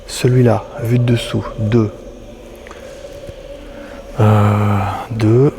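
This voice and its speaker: A man with a fairly low, level voice talks extremely slowly over background noise. He's casually vlogging his way through an exhibition, chatty and loose, laughing often and using lots of fillers. It's recorded on a handheld camera mounted on a stabilizer.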